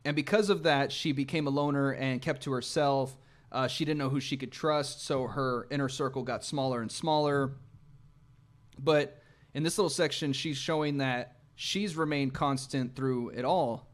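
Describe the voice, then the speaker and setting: A man's voice: mid-range voice, steady tone, normal speed. A man hosting a music reaction, thinking aloud as he analyses the lyrics and meaning of each song, with occasional restarts. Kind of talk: reflective song breakdown.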